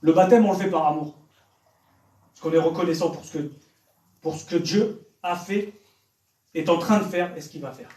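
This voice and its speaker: A man's voice: a little high, moderate pace, pauses often, dark tone. A man preaching to young people, pressing them with direct questions. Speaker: evangelist preacher. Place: church hall. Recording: echoey church hall, from far off.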